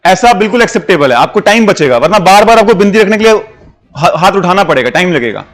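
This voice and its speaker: A man's voice: sits high, sing-song, quick pace. A male teacher, giving a classroom lesson and switching between Hindi and English as he explains.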